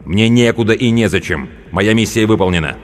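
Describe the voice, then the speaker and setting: A man's voice: on the low side, a little fast, pitched above the performer's own voice, close to an everyday voice. A man voicing a ruthless, commanding brigade leader in an audiobook, speaking curtly and barking orders. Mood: cold. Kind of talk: audiobook character voice. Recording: reverberant room, faint music behind.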